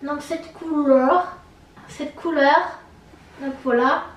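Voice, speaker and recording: A woman with a very high voice presents makeup shades one by one, pausing on fillers and repeating each name. She sounds set back from the mic in a strongly echoing room. Her delivery is slow and halting. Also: fairly even intonation, recorded from a distance. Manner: hesitant, many fillers, repeats colour names. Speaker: makeup vlogger. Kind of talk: casual product show-and-tell. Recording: roomy echo, from off the mic.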